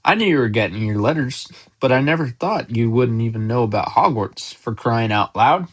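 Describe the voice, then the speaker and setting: Storybook giant: gruff, folksy, blustering, kindly , man reading. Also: medium pitch, lively intonation, normal speed. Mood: gruff, exasperated. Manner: loud blustering outbursts, folksy speech.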